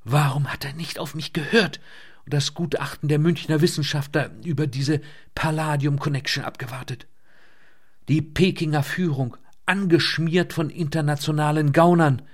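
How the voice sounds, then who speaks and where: A man's voice: a little high, steady tone, moderate pace, voice pushed up, close to an everyday voice. A man reading the part of a pale, distraught chief archivist who groans and then grows agitated in an audiobook. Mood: groaning lament.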